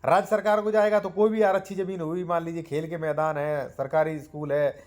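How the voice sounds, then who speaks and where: A man teaches land law to his viewers in a fairly high voice. He explains step by step and calls them friends. He slows right down to read out the legal clauses. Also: steady tone, darkish tone.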